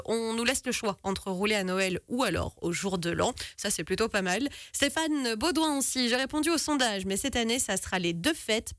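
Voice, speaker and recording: A woman's voice: a little high, a bit bright, no room sound. Chatty woman radio host, dry studio. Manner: chatty, reads listener messages, laughs easily. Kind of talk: live radio talk show hosting. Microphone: studio microphone.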